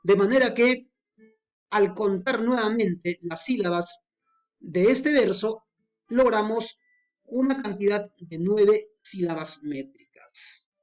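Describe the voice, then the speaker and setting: A woman's voice: mid-range voice, takes it slowly, darkish tone, faint music behind. A woman teaching a lesson on poetic meter, explaining patiently with frequent fillers and worked examples.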